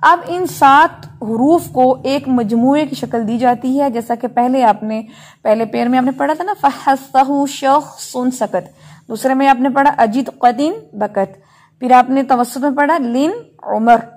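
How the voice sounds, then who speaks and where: A woman teaching an online Quran recitation class, slowly drilling letter sounds and checking in often with her students. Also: high voice, darkish tone. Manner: slow, patient, drills letters aloud with frequent check-ins. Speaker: Tajweed teacher.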